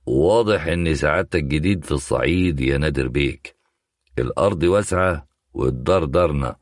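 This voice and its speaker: A man's voice: rumbling low, brisk, no echo, clean studio sound. A man voicing a pompous, domineering older retired legal counselor with an Egyptian accent, speaking with boastful insistence. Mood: self-assured. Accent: Egyptian Arabic.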